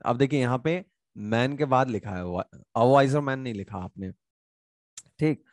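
A man's voice: mid-range voice, a little slow, dry recording, clean studio sound. A man with an Indian English accent teaching grammar in Hindi, reading English examples aloud. He keeps asking questions and answering them himself, with frequent hesitations. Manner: many hesitation sounds and restarts. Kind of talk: online grammar lesson.

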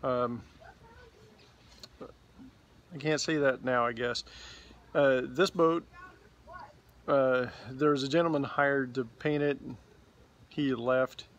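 A man's voice: medium pitch, slow pace, long pauses, muffled recording, slight background noise. Easygoing man filming himself outdoors. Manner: relaxed, rambling with fillers. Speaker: vlogger. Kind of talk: casual video diary. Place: outdoors in a boatyard. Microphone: phone camera at arm's length.

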